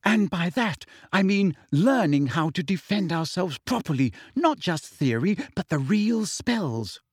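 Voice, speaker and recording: Man voicing Hermione, a nervous high girl. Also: big pitch swings, a little slow, breathy edge, dry recording, clean studio sound, exaggerated voice. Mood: earnest. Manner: hesitant, fumbling fillers, then firm. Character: nervous earnest teenage girl, bookish.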